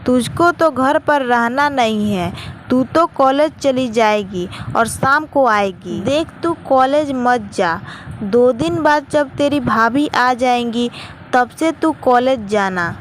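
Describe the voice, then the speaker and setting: A woman's voice: a little high, lively intonation, takes it slowly. A woman voicing a lazy, grumbling middle-aged mother-in-law. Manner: grumbling, complaining. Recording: noisy with traffic outside.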